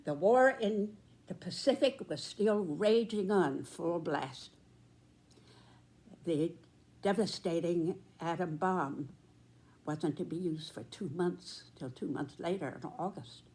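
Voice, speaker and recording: A very old American woman in her nineties reminisces reflectively, with deliberate, solemn phrasing and dramatic pauses. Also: fairly low pitch, darkish tone. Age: 90s. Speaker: storyteller recalling own past.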